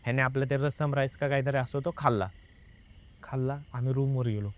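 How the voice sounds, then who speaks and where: A man's voice: medium pitch, a little fast. Young man telling a story casually. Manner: lively, re-enacts dialogue with many "I said" tags. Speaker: guest telling a personal ghost experience.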